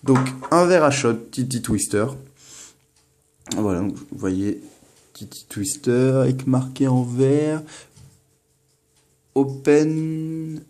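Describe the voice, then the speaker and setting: A man's voice: medium pitch, expressive, takes it slowly, darkish tone. A young man, casually narrating an unboxing at home, hesitant and full of fillers and restarts. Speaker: unboxing vlogger.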